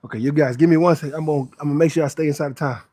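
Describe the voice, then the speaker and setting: Talking very fast, a man with a fairly high, warm voice and steady tone hosts a live workout stream from outdoors under a roof. The fitness trainer chats casually and emphatically with viewers between sets of pull-ups, repeating phrases to stress them.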